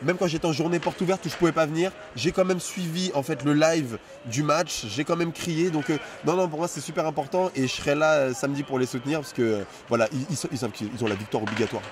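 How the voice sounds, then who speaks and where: A man's voice: a little high, quick pace, few pauses, recorded from a distance, a little hiss or hum. A young man, a student club president, answers a street interview with eager talk, outdoors on a city campus with a handheld mic.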